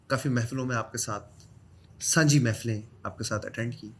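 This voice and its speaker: A man from Pakistan hosting a podcast, building long, measured questions for his guest. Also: medium pitch, husky. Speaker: podcast host. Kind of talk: podcast interview.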